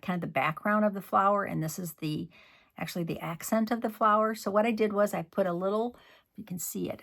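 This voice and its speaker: Slow, gravelly man teaching card-making. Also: high-pitched, a bit bright, a little hiss or hum. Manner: chatty, scolds himself and mutters asides. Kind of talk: crafting tutorial.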